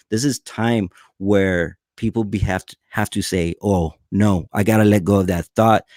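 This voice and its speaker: A man's voice: on the low side, a little mellow, no room sound, clean studio sound. A man, live streaming a blunt, profane, unscripted rant full of restarts. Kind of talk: casual unscripted livestream rant.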